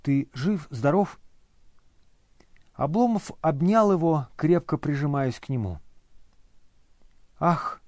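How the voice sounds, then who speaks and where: A man narrating a novel as an audiobook, in a measured, expressive reading. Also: medium pitch, dry recording, studio quality.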